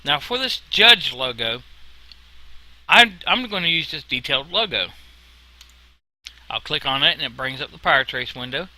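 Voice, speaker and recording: A man narrates an informal screen tutorial in a very bright, sharp voice pitched a little high. His s sounds whistle, and he explains things in a casual, folksy way. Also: rough recording. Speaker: software tutorial instructor.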